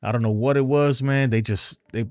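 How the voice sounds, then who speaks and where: With a New York accent, a man runs a fan live stream and chats loosely, wandering off as he answers what viewers write, frank and talkative throughout. His medium-pitched voice is fairly quick and a little mellow, with fairly even intonation. The tone is clean and the recording dry.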